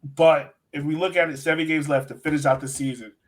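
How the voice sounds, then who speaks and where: A man hosts a sports podcast, talking about soccer in an informal, emphatic way during casual analysis. His voice is fairly high and steady, and he speaks briskly.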